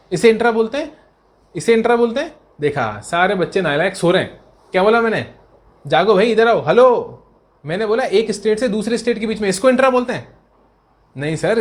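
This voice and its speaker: In this revision lecture for an exam, a lively male teacher calls his students beta and sahab. He asks his own questions and supplies the answers, slowly reads out English question text one word at a time, and drops into a softer, lower voice when imitating students' replies.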